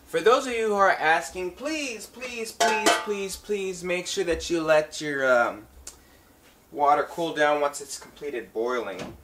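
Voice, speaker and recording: With a fairly high, expressive voice and a measured pace, this man runs an informal instructional video on using a talk box. He's a musician who walks viewers through the hands-on steps, addressing them as guys and folks. There's noise in the background.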